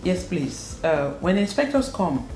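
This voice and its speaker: A school proprietor and educator from northwest Cameroon answers interview questions earnestly, repeating words for emphasis. Her voice is on the low side, sing-song and creaky, at a measured pace, recorded in a roomy echo with background noise and faint music.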